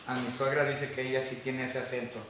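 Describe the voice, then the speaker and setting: A man's voice: mid-range voice, flat delivery, a little fast, fairly bright tone, slight background noise. A male pastor giving a sermon in a conversational way, often asking the congregation questions. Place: church hall. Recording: echoey hall from far off.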